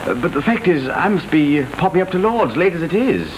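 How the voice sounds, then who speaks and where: Lively young English toff, 1930s film. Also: male voice, on the high side, brisk. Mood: awkwardly polite. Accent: upper-class English. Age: young adult. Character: flippant, well-bred young English gentleman, awkwardly polite. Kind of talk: 1930s drawing-room comedy acting, witty period banter. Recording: noisy, hissing 1930s film soundtrack.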